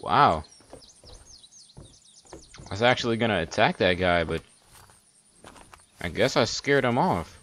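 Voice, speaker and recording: A man narrating his survival game play as he goes, excitable and repeating "dude" often. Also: fairly low pitch, unhurried, pauses often. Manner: excitable, keeps saying "dude". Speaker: gaming channel host. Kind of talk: let's play commentary.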